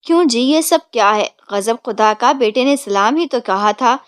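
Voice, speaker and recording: A woman's voice: fairly high pitch, lively intonation, smooth, dry recording, lightly acted. Woman voicing a fierce scolding old mother. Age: older. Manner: scolding, angry. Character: fierce doting older mother, sharp-tongued.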